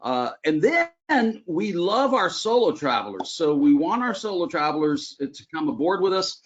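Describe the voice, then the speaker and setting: Male webinar host, slightly high voice, chatty and upbeat, frequent "uh"s, dull video-call audio. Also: sing-song, normal speed. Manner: chatty, upbeat, many filler "uh"s. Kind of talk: casual webinar presentation.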